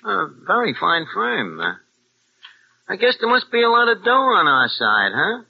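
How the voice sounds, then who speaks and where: In a 1940s radio drama, an actor voices a streetwise, wisecracking American double-agent crook, full of slangy tough-guy talk and hesitant fillers, in a wheeling mood. His high, gravelly character voice swings hugely in pitch at normal speed. The old radio recording is dull, with a little hiss or hum.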